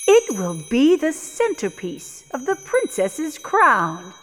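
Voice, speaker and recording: A woman's voice: sits high, huge pitch swings, slow, a bit bright, soft background music, full character voice. A woman playing a gracious, refined queen in a fairytale audio drama, speaking in a regal way. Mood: admiring. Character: gracious, gentle queen and new mother. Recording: reverberant hall, noise and chimes behind.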